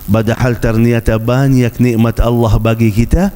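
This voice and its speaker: A man's voice: medium pitch, level tone, normal speed, mellow, a little hiss or hum. A man preaching a sermon, telling stories dramatically and acting out cries and voices. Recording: long hall reverb.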